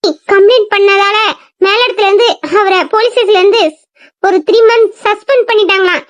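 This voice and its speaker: A woman's voice: very high voice, fairly even intonation, fairly quick, no echo. A woman voicing a worried, tearful young woman doctor who pleads anxiously. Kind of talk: audio drama acting.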